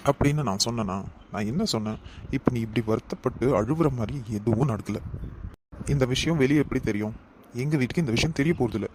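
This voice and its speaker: A man voicing a gentle young husband who soothes and coaxes his wife, with a Kanyakumari Tamil accent. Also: medium pitch, quick pace, noisy background, close to an everyday voice. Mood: soothing. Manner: soothing, coaxing.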